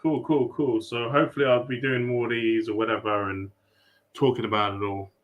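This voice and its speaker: A man's voice: medium pitch, flat delivery, fairly quick, muffled recording. A man hosting a late-night chat stream, laid-back and casual, often tacking "man" onto his sentences. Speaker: stream host.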